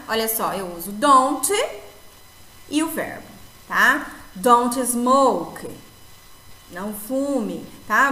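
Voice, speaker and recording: A woman teaching an English grammar lesson in Brazilian Portuguese, explaining slowly and repeating points with a checking "tá?". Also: fairly high pitch, pushed and bright, reverberant, rough recording. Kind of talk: recorded video lesson.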